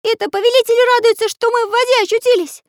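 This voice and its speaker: A squeaky, grumbling little magic pencil-artist boy from a storybook, quick-tempered and high-pitched, as a woman puts him on. He chatters fast and sounds a little off-mic, with a dry close sound. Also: steady tone, no room sound.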